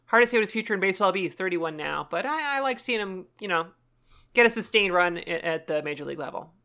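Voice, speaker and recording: A person co-hosting a casual baseball podcast, chatty and knowledgeable, laughing easily. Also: female voice, mid-range voice, expressive, fast, sharp tone. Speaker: podcast co-host. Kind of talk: casual sports chat.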